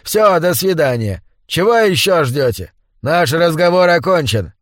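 A man voicing a haughty, bad-tempered old man in a wheelchair, domineering and prone to shouting, in an audiobook. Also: fairly high pitch, animated, a little slow, no echo, clean studio sound, pitched above the performer's own voice. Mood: dismissive. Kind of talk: audiobook character voice.

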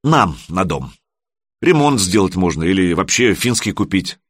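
A man's voice: fairly low pitch, sing-song, moderate pace, dry recording. A man voicing an earnest young man who reassures his parents in an audiobook. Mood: reassuring. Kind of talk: audiobook character voice.

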